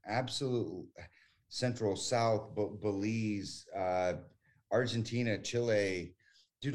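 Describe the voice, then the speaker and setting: With a voice on the low side and a little mellow, a man in his forties from the US is a guest in a relaxed chat. He talks emphatically and restarts himself often.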